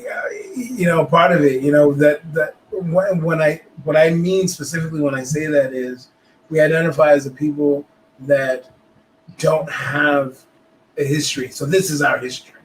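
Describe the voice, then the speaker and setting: Male podcast co-host, pitch a little high, halting reflective delivery. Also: steady tone, a little hiss or hum, low-quality recording. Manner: reflective, halting with many fillers. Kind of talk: casual conversation.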